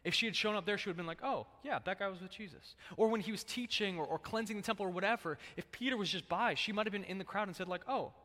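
A man's voice: sits high, rapid-fire, hardly any pauses. Conversational preaching man in a reverberant hall. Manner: casual, conversational preaching with lively acted-out quotes. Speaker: pastor. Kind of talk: sermon.

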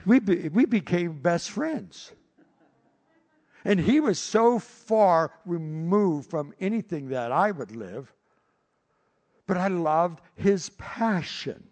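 A male pastor preaching a sermon, telling stories with animated delivery and frequent repeated words. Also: high-pitched, takes it slowly.

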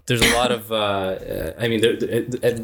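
A man's voice: fairly low pitch, steady tone, moderate pace, background noise. A man hosting a podcast, talking in a casual, rambling way with many restarts. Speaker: podcast host. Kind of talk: casual chat.

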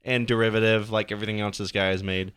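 A man's voice: lowish voice, level tone, fast talker, fairly bright tone, clear, resonant tone. A man co-hosting a podcast, chatting casually and sarcastically about a movie, swearing freely. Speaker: podcast co-host. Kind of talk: casual movie commentary chat.

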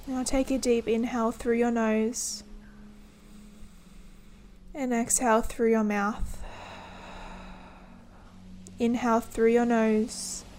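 Slow, gentle woman guiding meditation. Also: on the high side, flat delivery, a little hiss or hum. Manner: gentle, soothing, instructing in short unhurried phrases. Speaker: meditation guide. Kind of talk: guided body-scan meditation.

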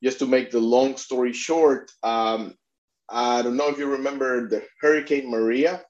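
A middle-aged man from Puerto Rico talks earnestly as an interview guest, circling back and restarting his sentences as he tells his story. His voice sits at an average pitch. The recording sounds slightly dull and lo-fi. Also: fairly even intonation, normal speed, darkish tone. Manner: earnest, many restarts and fillers. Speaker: immigration attorney and advocate, guest. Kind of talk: conversational interview.

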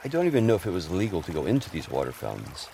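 A middle-aged man fondly narrating humorous family memories in a gentle storytelling manner. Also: deep voice, wildly swooping pitch, very fast, vocal fry, slight background noise. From Houston, Texas area. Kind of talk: personal memoir narration.

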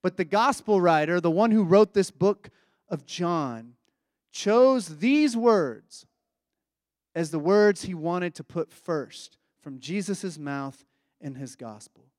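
A man's voice: high-pitched, lively intonation, takes it slowly, a little mellow, dry recording, studio quality. A man preaching a reflective, conversational sermon.

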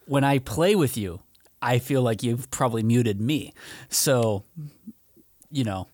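A laid-back man co-hosting a podcast, mostly chiming in with short agreeing replies. His pitch is ordinary and middle. The sound is dry and close, with no echo. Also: expressive, slow, darkish tone. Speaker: podcast co-host. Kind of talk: casual podcast chat.

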